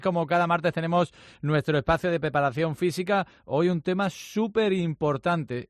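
Man, sports radio host, slightly high pitch, dry studio sound, emphatic and casual. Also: no echo. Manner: chatty, emphatic, lots of fillers.

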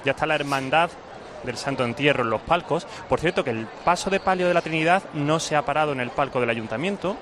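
A man's voice: a little high, fast talker. A man reports live from outdoor spectator stands in a chatty, agreeable way. Plenty of street noise surrounds his voice. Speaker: field reporter. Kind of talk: live event commentary.

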